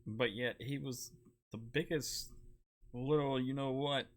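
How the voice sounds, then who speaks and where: A man's voice: medium pitch, fairly even intonation, slow. A man co-hosting a podcast who chats casually about movies, laughs often and chimes in with short remarks. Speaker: podcast co-host.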